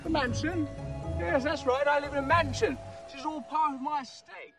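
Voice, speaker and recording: A villainous posh toff from a film comedy, hamming it up like a stage actor in a very high voice. He sounds set back from the mic, with prominent music behind him. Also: moderate pace, distant mic. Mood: grandly showy. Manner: hammy, theatrical stage-actor overacting.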